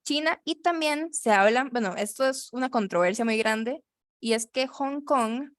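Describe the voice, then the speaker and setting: A woman's voice: a little high, unhurried, no room sound. A woman explains vocabulary in a loose, chatty classroom manner. She corrects herself often as she goes. The recording is dry and close. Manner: chatty, self-correcting, laughs easily. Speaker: English teacher.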